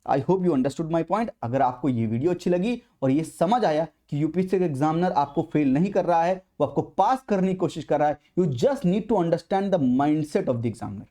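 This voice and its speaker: A man's voice: fairly high pitch, lively intonation, normal speed, few pauses, warm tone. Emphatic man teaching an exam class. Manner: emphatic, repeats points for stress. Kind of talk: Hindi-English exam prep lecture.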